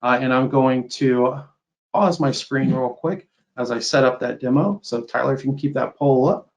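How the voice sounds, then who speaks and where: A software company sales executive runs an informal webinar product demo over a video call, explaining things conversationally and often adding "right?" to check in. His voice is medium-pitched and steady at a moderate pace, with the highs cut off.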